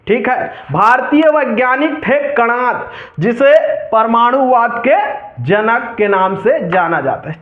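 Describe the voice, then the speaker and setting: Man, Chhattisgarhi accent, chemistry teacher, unhurried, repeats answers, phone-like echoey sound. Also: very high voice. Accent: Chhattisgarhi Hindi. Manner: call-and-response quizzing, repeats key answers. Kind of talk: exam-prep chemistry lesson. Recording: tinny, echoey lo-fi room audio.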